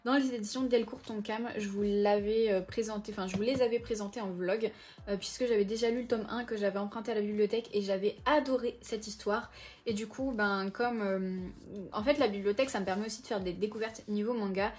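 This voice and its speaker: A young woman in her twenties talks through her latest book haul in a loose, chatty way. She often stops to hesitate and corrects herself mid-sentence, and her pitch sits in an ordinary middle range. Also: steady tone, brisk, a little mellow. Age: 20s. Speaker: book vlogger. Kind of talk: casual book haul chat.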